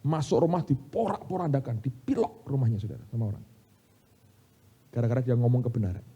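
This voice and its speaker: In a church sanctuary, a middle-aged pastor with an Indonesian accent preaches a sermon, talking fast at medium pitch in a dark, slightly husky voice. He tells animated stories, calls the congregation "saudara," and swings from loud bursts to quiet asides. The recording is somewhat dull and lo-fi.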